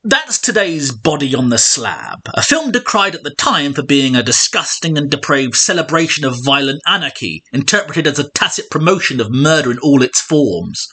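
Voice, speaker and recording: A man's voice: on the high side, very animated, moderate pace, few pauses, pushed and bright, slightly rough. A man narrating a scripted film video essay in a sardonic tone, with mock-posh asides. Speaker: YouTube film analyst.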